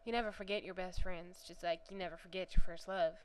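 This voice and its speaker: A woman's voice: lowish voice, steady tone, quick pace, slight background noise, natural voice, rough recording. A woman putting on a wistful southern young woman. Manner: reflective, earnest storytelling. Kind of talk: first-person story reading.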